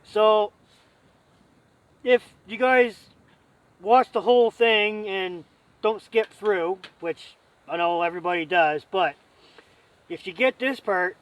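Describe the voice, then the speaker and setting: A man with a high-set voice hosts a camping vlog. He talks casually to viewers and his friend, wandering from point to point with folksy, joking asides. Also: distant mic, rough recording. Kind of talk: casual chat to camera with a friend.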